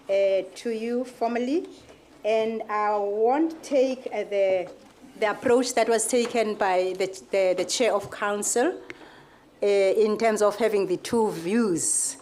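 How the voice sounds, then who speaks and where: A woman with an African accent chairs a conference session. Her voice sits a little high, and she gives a formal introduction in careful, sometimes halting phrases. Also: a little mellow, slight background noise. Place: conference event before an audience.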